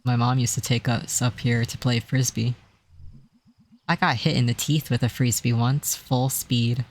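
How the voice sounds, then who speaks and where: A streamer voicing a gentle, skeptical young male bear in a story game, reading in a monotone with no special voice. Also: medium pitch, a little slow.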